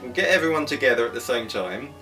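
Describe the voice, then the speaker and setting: Ein junger britischer Mann, Mitschöpfer einer Heimserie, erzählt trocken und belehrend von den Dreharbeiten. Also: male voice, medium pitch, lively intonation, quick pace, pushed and bright. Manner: wry, lesson-giving. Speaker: co-creator and actor of a home-made series. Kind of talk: casual interview chat. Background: guitar music.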